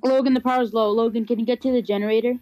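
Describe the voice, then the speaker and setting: Excitable woman calling out game plans. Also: a little high, racing, soft background music. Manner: excitable, directs the team. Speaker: game player. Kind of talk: casual gaming chat.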